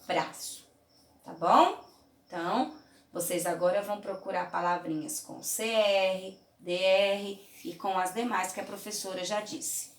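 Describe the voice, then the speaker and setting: Woman, Brazilian teacher, slow, patient, roomy echo, distant mic. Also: medium pitch. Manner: patient, slow, repeats "tá?" and "certinho?" often. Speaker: primary school teacher. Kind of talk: remote lesson for young children.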